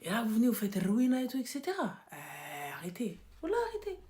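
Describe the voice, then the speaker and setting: A woman hosting a casual live chat, playful and teasing, swinging between loud outbursts and hushed whispers. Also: fairly high pitch, wildly swooping pitch, brisk. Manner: playful, teasing, mixes French with Arabic. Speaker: live stream host.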